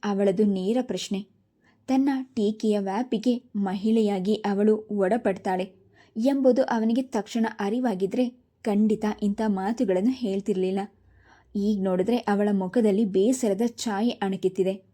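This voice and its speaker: Dark-voiced woman reading a novel. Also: mid-range voice, fairly even intonation, unhurried. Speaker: storyteller. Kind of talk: novel read aloud in episodes.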